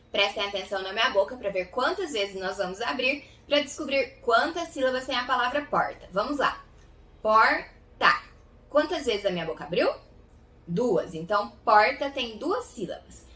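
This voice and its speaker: A woman with a Goiás Brazilian accent teaches children to read. Her voice is high, bright and very lively as she stretches out each sound. She is recorded a bit off-mic in a roomy, echoey space. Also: distant mic. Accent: Goiás Brazilian Portuguese. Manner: slow, exaggerated sound-by-sound enunciation. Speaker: literacy teacher. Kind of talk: children's phonics lesson.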